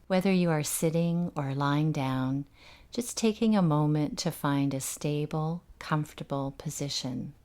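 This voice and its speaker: Speaking in a low register, a woman leads a guided meditation. Her manner is soft, slow and calming, and she lets long silences fall between her instructions.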